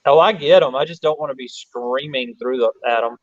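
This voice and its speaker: A man's voice: medium pitch, fairly quick, dull audio, slight background noise. Rambling man reading chat. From Alabama. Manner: rambling, laughs often, reads chat aloud. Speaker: livestream host. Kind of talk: casual livestream chat.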